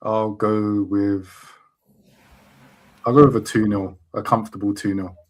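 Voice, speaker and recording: A man's voice: on the low side, little pitch movement, a little slow. A man on a casual football podcast, talking in confident, teasing banter. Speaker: podcast panelist.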